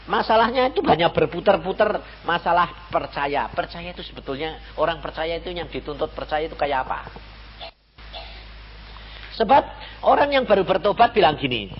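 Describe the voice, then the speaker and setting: A man's voice: on the high side, lively intonation, moderate pace, dull audio, a little hiss or hum. An older man with a Javanese accent preaching a sermon in a conversational way, full of rhetorical questions. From Central Java, Indonesia.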